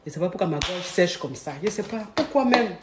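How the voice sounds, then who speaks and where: A woman's voice: fairly low pitch, a little fast, noisy background. A woman with an Ivorian French accent telling a personal story casually, acting out the voices of the people in it. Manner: animated, acts out the voices of people in her story. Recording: roomy echo.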